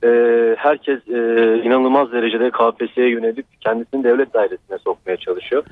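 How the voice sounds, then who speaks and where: A man talks into a radio show over a landline, his voice narrowed to a tinny, dry phone sound. He is mid-pitched and halting, pausing often as he searches for his words. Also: steady tone, no room sound. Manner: hesitant, halting, full of pauses. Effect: landline telephone line. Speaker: radio call-in caller. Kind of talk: call-in opinion.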